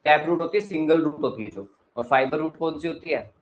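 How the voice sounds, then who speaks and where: Here the same kind of teacher, a young Hindi-accented man from north India, sounds fairly high-pitched and fairly quick. He jokes with and scolds his online students between explanations, his volume rising and falling, all over poor audio.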